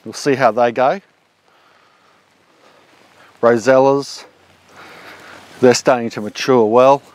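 Filming on a handheld action camera, a homesteading vlogger gives a casual tour of his backyard food garden, strolling outside as he talks. He's an Australian in his forties whose mid-range voice moves slowly, and his manner is easygoing and conversational while he walks and explains.

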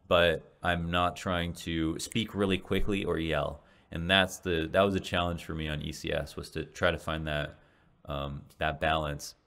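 A very deep-voiced young man, host of a podcast and an esports caster, rambles through a casual solo reflection. Despite the depth his tone is fairly bright, and it turns raspy; restarts and fillers abound. He records indoors in a small home room on a large studio mic in front of his face.

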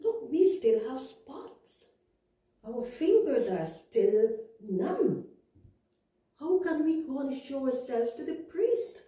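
A woman's voice: high voice, sing-song, slow, dark tone, voice pushed up, exaggerated voice. A woman voicing a group of worried sick men who ask doubtful, pleading questions in a children's Bible story. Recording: echoey room, far from mic.

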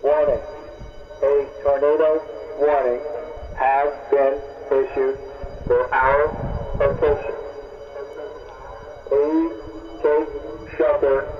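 A man giving an emergency warning over a public loudspeaker, in a flat, measured, repetitive announcement. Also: mid-range voice, dull audio, soft background music.

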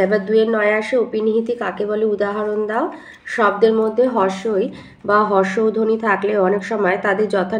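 A woman's voice: medium pitch, a little mellow. A woman teacher going through exam questions, reading each one aloud and then dictating the answer step by step. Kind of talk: exam answer walkthrough lesson. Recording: echoey room.

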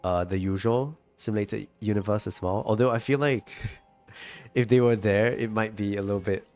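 Coughing and congested, this man talks in a lowish, slightly mellow voice with fairly even intonation at a normal speed. He's gaming on a live stream, chatting casually and reading out what viewers comment, over soft background music.

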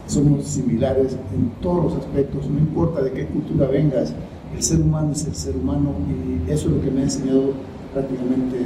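A middle-aged man answers interview questions slowly and reflectively, often pausing and repeating himself as he finds his words. His voice sits at an ordinary pitch and is picked up from across a roomy space. There is a clear hum of background noise. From El Salvador, raised in the United States. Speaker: writer and poet, interview guest. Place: high-floor room by a large window over a city. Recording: roomy echo from the camera mic at a distance, noise behind.

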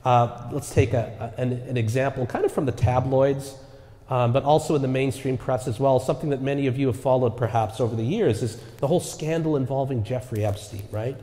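This pastor's mid-range, dark-toned voice moves briskly and stays fairly even in intonation as he preaches earnestly. Again and again he turns to the congregation with a rhetorical "right?", his words ringing through a church sanctuary with long reverb.

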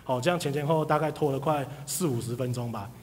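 A man, telling an audience a lively story about his sales career and acting out the people in it. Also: mid-range voice, fast, a little hiss or hum. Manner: animated storyteller, acts out quoted people. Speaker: speaker sharing career story. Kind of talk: live motivational talk to an audience. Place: hall with audience. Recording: reverberant hall.

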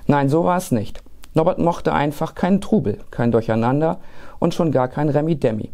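A man reading a children's Christmas story aloud in a lively, expressive way. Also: a little high, normal speed.

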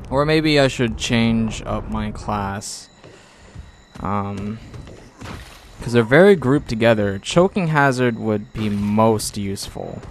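Slow, animated young man gaming. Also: medium pitch, slight background noise. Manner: playful, self-mocking banter. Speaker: gameplay commentator. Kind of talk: casual gameplay commentary.

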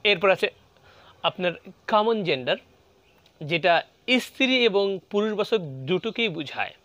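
A man's voice: sits high, animated, measured pace, fairly bright tone, dry recording. A man with a Bengali accent teaching English grammar, explaining patiently and repeating example words aloud. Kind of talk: classroom lecture. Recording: muffled lo-fi recording.

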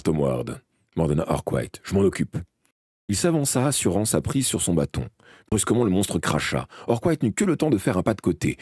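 A man reading a novel aloud live as an audiobook, expressive but with occasional slips and restarts. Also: low-pitched, slightly rough, no room sound, studio quality. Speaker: audiobook reader.

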